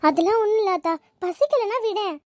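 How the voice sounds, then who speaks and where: Cartoon: woman playing a tearful, pleading young wife, high pitch. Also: lively intonation, fast, darkish tone, no room sound, clean studio sound. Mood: withdrawn. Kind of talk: cartoon voice acting.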